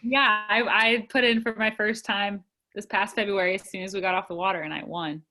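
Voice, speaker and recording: A woman's voice: medium pitch, steady tone, a little fast, pushed and bright, slight background noise. A woman in her twenties, a guest in a casual interview, chatty and upbeat with many fillers. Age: 20s.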